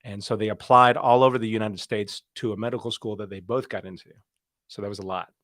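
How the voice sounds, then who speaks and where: A man's voice: lowish voice, steady tone, fast talker, a bit bright, dry recording. A man in his forties from South Carolina, a podcast guest telling stories in casual chat. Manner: chatty, storytelling with acted-out quotes.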